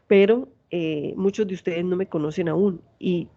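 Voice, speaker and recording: A woman in her forties with a Santander Colombian Spanish accent gives an online university lecture in a fairly low voice at a moderate pace. She frequently checks in with her students through questions, and the sound is lo-fi.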